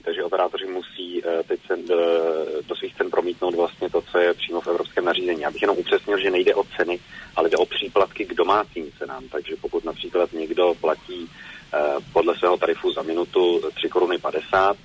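A man's voice: sits low, slightly rough, low-quality recording. A man speaking as a telecom regulator in a news interview, explaining at length with many hesitations and fillers.

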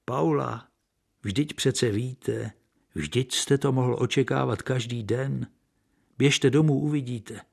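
A man's voice: mid-range voice, gravelly, darkish tone, slightly rough. Man reading as a dry little old man. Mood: urgent. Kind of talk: audiobook reading.

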